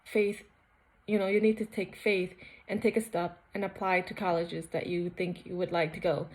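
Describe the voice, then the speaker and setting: A young woman voicing God as a calm, gently instructive presence while retelling her faith story. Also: lowish voice, normal speed, lightly acted, low-quality recording. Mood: encouraging. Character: calm, reassuring God, as she quotes him.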